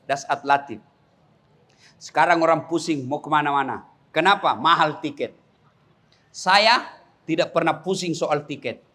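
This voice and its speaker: A middle-aged man, preaching a comic sermon with lively storytelling, shouting punchlines and laughing with the crowd. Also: fairly high pitch, unhurried, long pauses. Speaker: Islamic preacher. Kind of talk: comic sermon to a large gathering.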